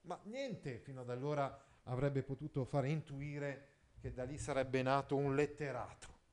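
A man's voice: mid-range voice, normal speed, a little mellow. Middle-aged male teacher, reads out a text and explains it, asks the class questions. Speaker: literature teacher. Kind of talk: literature lesson, reading and explaining a text.

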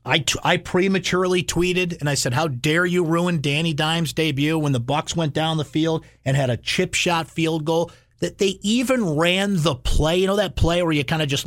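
A man's voice: fairly high pitch, fairly bright tone, dry recording, clean studio sound. A man hosting sports talk radio, speaking emphatically and playfully, repeating phrases for effect. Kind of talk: animated sports radio monologue.

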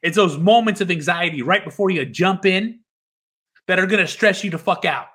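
A man giving an emphatic motivational speech, exhorting forcefully with heavy swearing and repeated phrases. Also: high-pitched, moderate pace, husky. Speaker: motivational speaker.

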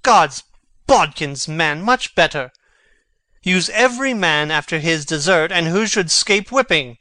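A man playing a brooding, sharp-witted young prince, speaking verse theatrically. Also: a little high, animated, unhurried, no room sound. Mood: commanding. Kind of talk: reading a stage play.

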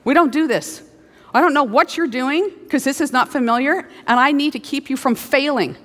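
A woman preacher voicing a person's own brain as a fretful, overprotective voice that pleads quickly. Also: high voice, fairly bright tone. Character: anxious, overprotective human brain. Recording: long hall reverb.

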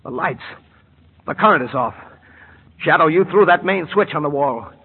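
A man playing a desperate, threatening villain doctor in an old radio drama, with a raspy, gravelly voice. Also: on the high side, lively intonation, moderate pace, noisy background. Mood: frantic menace. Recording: reverberant narrow old radio recording.

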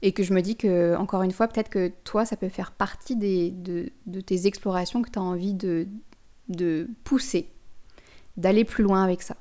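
A woman's voice: medium pitch, fairly even intonation, normal speed, dark tone. A woman hosting a spiritual podcast, talking reflectively and directly to the listener, with frequent restarts. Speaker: podcast host.

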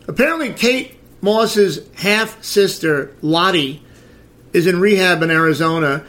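A middle-aged man hosts a podcast, ranting crudely and sarcastically about celebrity gossip. His voice is high and fairly bright, and he speaks a little slowly.

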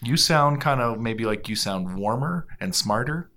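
A man co-hosting a casual podcast chat in a dry, monotone way. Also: mid-range voice, unhurried. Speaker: podcast co-host.

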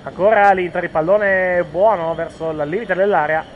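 A man commentates a football match informally and live. His voice sits fairly high, and he hesitates and corrects himself. Faint urban noise is audible behind him. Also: steady tone, normal speed, narrow, tinny audio.

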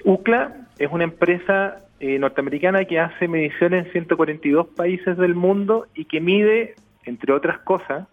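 A man's voice: high-pitched, normal speed, few pauses, soft background music. Man on a tinny phone line. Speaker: technology executive, radio guest. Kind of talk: explanatory interview answer.

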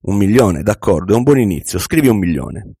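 A wise, unhurried older millionaire , voiced by a man reading an audiobook speaks in measured, instructive tones. The voice sits low and dark with a slightly husky edge. The recording is dry and close. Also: sing-song, no echo, full character voice. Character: wise, calm older male millionaire mentor.

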